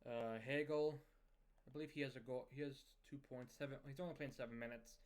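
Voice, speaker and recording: A young man giving casual play-by-play commentary over a hockey management video game, recapping scores and lineup moves in a steady, conversational way. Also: mid-range voice, brisk.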